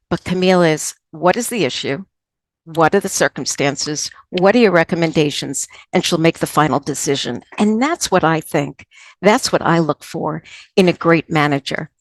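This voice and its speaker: A woman's voice: on the low side, dry recording. A woman moderating a virtual conference, introducing a guest speaker in a heartfelt, earnest way. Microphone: video call.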